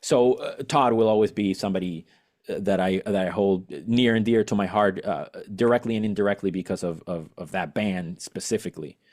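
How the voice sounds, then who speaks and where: A man's voice: low-pitched, brisk, darkish tone. A man from Venezuela, a musician guest on a podcast, chatting eagerly and rambling with many fillers and restarts. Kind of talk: casual interview chat.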